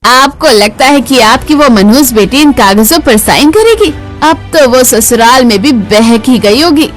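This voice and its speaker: A woman voicing a spiteful, scheming middle-aged stepmother in an animated family drama. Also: sits high, a little slow, soft background music. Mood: sneering. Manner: sneering, spiteful.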